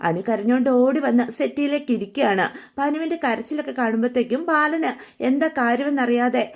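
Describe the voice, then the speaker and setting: A woman with a fairly high voice hosts a relaxed recap of a TV serial episode. She talks in a chatty, friendly way, dropping colloquial fillers as she retells the story. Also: fast.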